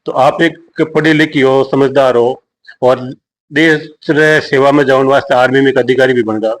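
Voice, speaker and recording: A man's voice: medium pitch, low-quality recording. A man with a mid-range voice conducts a local news interview. He asks long, winding questions. His delivery is plain and conversational.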